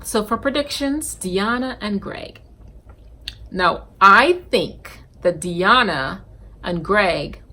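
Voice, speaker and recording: Woman, from Guyana, casual vlog chat, animated, sassy, opinionated. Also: on the low side. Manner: animated and sassy, with bursts of laughter and scolding. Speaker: vlogger reviewing a reality TV show.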